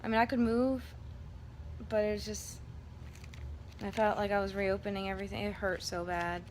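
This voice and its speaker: A woman's voice: mid-range voice, little pitch movement, moderate pace. A woman talking casually to her vlog audience, recounting a personal experience in a rambling, candid way. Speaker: vlogger. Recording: background room noise.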